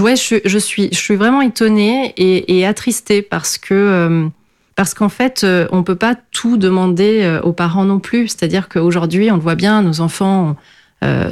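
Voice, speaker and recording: Her voice is on the low side and a little mellow. She's a middle-aged guest from France whose first language is Portuguese, answering interview questions hesitantly with plenty of fillers and restarts.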